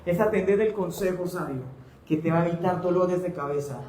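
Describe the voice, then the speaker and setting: A man preaching a sermon as pastor in a church, speaking in a lively way and acting out his congregants' voices. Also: high voice, fairly quick, roomy sound, slight background noise.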